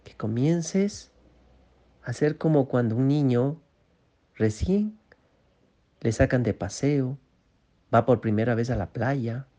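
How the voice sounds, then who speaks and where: A man teaching a mindfulness course module, gently coaching the listener and checking in often. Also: mid-range voice. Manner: slow, repetitive, gently coaching with frequent "¿sí?" checks. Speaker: course instructor. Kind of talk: guided mindfulness lesson.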